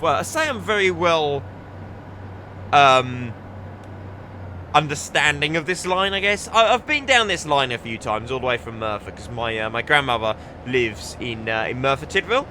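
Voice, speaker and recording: Over a noisy background, a young man with a high-pitched voice talks excitedly through a train simulator session. He's a gaming video creator offering casual commentary, frequently starting his sentences over.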